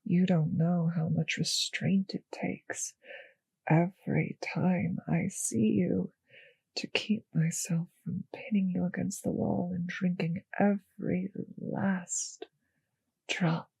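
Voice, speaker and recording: An actress playing a possessive, condescending vampire mistress in an intimate roleplay audio drama, speaking in a breathy, husky, patronizing, savouring way. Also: female voice, lowish voice, a little mellow, no echo, full character voice. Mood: hungry, intimate.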